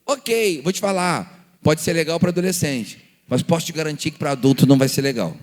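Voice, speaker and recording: A man with a Brazilian Portuguese accent and a voice on the high side talks a little fast, reverb ringing out in a long tail. As a pastor leading a lively church seminar, he shares stories, dramatizes the dialogues and asks rhetorical questions.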